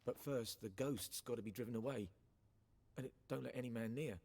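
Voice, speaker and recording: In a video game, an actor plays a worried peasant father who pleads for help in a rustic dialect with a husky voice. His medium-pitched, fairly quick delivery is a little mellow and close to an everyday voice.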